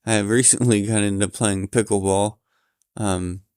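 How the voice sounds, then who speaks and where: Tired, low-key man musing from bed. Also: steady tone, a little mellow, clean tone, dry recording, clean studio sound. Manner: tired, halting, reflective. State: sleepy, yawning. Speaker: vlogger recording his thoughts. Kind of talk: candid personal monologue. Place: lying in bed at home.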